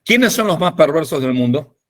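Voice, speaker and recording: A man's voice: fairly high pitch, normal speed. A man teaching a rabbinic class over a video call, speaking informally with jokes and often checking in with "ok?". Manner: animated, asks "ok?" to check understanding. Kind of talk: informal lecture with humor. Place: home or office in Jerusalem.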